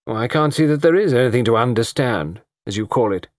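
For an audiobook, a man voices a cool, haughty young woman who answers curtly in clipped replies. His delivery is expressive and moderately paced, pitched on the high side, above his own voice, yet still sounding natural. The recording is clean studio sound with no room sound.

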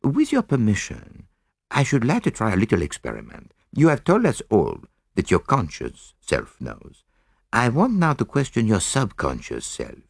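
A man voicing a courteous, shrewd foreign detective with a French accent, speaking deliberately and probing gently with little questioning interjections. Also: low voice, big pitch swings, dry recording, clean studio sound, exaggerated voice. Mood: polite, persuasive.

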